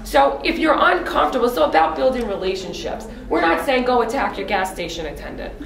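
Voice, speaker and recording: A woman speaking on a panel, direct and lively, often laughing as she talks. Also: a little high, a little fast, vocal fry. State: lozenge in mouth. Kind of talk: panel discussion talk. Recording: echoey room from far off.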